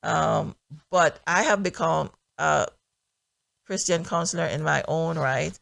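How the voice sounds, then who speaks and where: Gravelly-voiced woman sharing testimony. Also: sits low, lively intonation, a bit bright, no room sound. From Jamaica. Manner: earnest, reflective, many filler pauses. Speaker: podcast host and minister. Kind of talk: personal testimony podcast.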